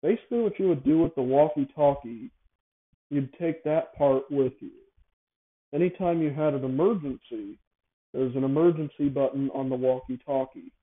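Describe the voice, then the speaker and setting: Heard over narrow, phone-like audio, a male show host speaks in an ordinary middle pitch while improvising casually about a device idea. He hesitates often, circling back to correct or repeat himself.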